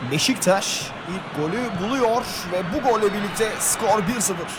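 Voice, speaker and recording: A man commentates live football in a high voice. He calls the play in short, clipped phrases and names. The audio is clearly noisy. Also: unhurried.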